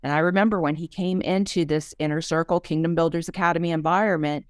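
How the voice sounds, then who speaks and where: A podcast host and business coach runs a faith-based business show, teaching emphatically in a preachy style and reading testimonials aloud as motivational instruction. Her low voice stays steady and fast, captured in studio quality with no room sound.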